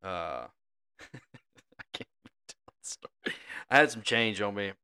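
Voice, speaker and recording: A young man, a podcast co-host telling a family story in a casual, animated way and laughing often. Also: lowish voice, unhurried, clean tone.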